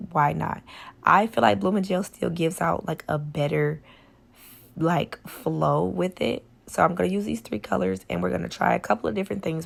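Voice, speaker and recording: A woman hoarse from a cold, with a smoker's rasp, giving a casual tutorial voice-over as a nail tech. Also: on the low side. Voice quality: smoker's rasp, gravelly, voice cracking. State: hoarse from a cold and sore throat. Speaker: nail tech doing a product test tutorial.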